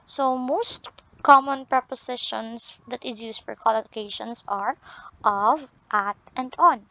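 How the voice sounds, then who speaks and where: A woman teacher with a Filipino accent giving an English lesson, drawn out and deliberate, often ending points with a questioning "no?". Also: fairly high pitch, gravelly, pushed and bright, dry recording. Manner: ends points with tag "no?". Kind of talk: classroom lesson. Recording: dull lo-fi audio.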